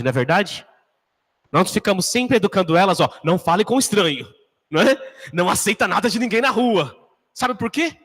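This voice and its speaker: A man's voice: high-pitched, fairly bright tone, long reverb tail. A man in his thirties, a pastor preaching a conversational sermon full of rhetorical questions. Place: church.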